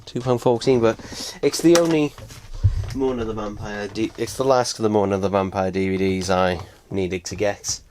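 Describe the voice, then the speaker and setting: A man with a lowish voice unboxes things at a moderate pace in a small home room, rambling, dropping fillers and casual swears, and feeling sore after falling. The close desk mic picks up a noisy background.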